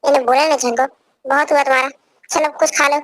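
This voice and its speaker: A woman's voice: high voice, fairly even intonation, quick pace, a bit bright, no echo. A young woman voicing a possessive, domineering young husband who gives orders in an amateur fan dub. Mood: bossy. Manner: commanding, repeats orders.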